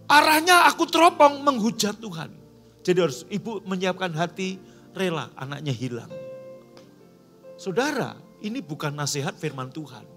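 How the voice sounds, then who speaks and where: High, animated preaching man. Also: husky. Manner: emphatic, swings between loud declarations and quiet asides. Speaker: pastor. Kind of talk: lively charismatic sermon. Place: church service.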